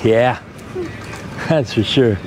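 A man in his forties talks casually to viewers as a travel vlogger, walking outdoors through sunny island streets with a handheld camera. He repeats himself and tosses out relaxed asides. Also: mid-range voice, extremely slow, a crowd in the background. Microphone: action camera held at arm's length while walking. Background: street and vehicle noise.

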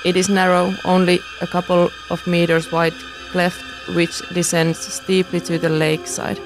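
A woman's voice: lowish voice, completely flat delivery, moderate pace. A woman in her thirties narrating a travel vlog about a camping and hiking trip, in a playful, joking manner. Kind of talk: travel vlog voice-over and on-camera chat. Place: outdoors in a forest. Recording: music playing under the voice. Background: background music.

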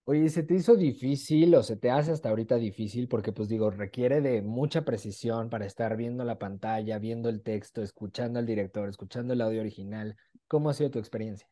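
Speaking briskly at a medium pitch, a young man with a Mexican accent hosts a casual online interview over a video call from a small room at home. He sounds mellow and relaxed yet chatty and enthusiastic.

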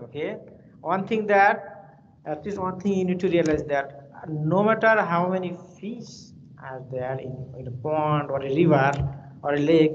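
A university lecturer from Bangladesh, whose first language is Bengali and who speaks English as a second language with a Bangladeshi accent, teaches a class over a video call. His slightly high voice rambles and repeats itself in friendly storytelling. The computer mic gives dull, lo-fi audio with a faint hiss.

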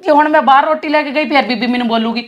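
A woman acts out an anxious sister-in-law who coaxes and pleads. She talks quickly in a slightly high voice. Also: muffled recording, lightly acted. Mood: coaxing. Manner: coaxing, pleading. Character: caring young sister-in-law, anxious peacemaker. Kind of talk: rural Punjabi web drama acting.

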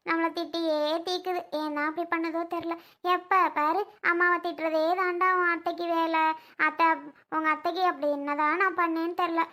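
A woman's voice: very high voice, pushed and bright. A woman playing a young mother who coos at her baby and fiercely protects it in a family drama skit. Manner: chatty, fondly grumbling to the baby.

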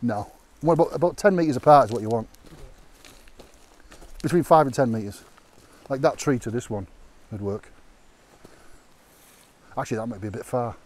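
A middle-aged vlogger with a mid-range, darkish voice banters, jokes and swears freely while hiking a riverside wood, speaking at normal speed with frequent pauses. He's filmed on a handheld action camera, with guitar music playing in the background.

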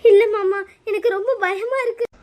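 A woman's voice: extremely high pitch, fairly quick. A woman voicing a frightened, pregnant young daughter-in-law in a cartoon, pleading and tearful. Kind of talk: cartoon voice acting.

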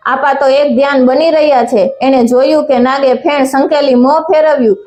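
A woman's voice: high-pitched, steady tone, normal speed, warm tone. A woman reading a folk tale aloud with dramatic storytelling and a few slips and restarts. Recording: echoey room with faint music.

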